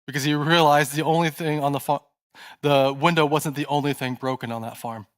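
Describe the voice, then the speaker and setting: A male pastor preaching a sermon in a church, telling a story and dropping to a soft, hushed voice at tense moments. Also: on the high side, fairly even intonation, fairly quick.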